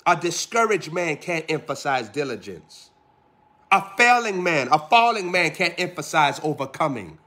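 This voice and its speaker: Preacher guy, fairly high bright voice, hammering repeated lines and questions at the crowd. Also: sing-song, moderate pace. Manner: preaching with rhythmic repeated phrases and pointed questions. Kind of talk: sermon.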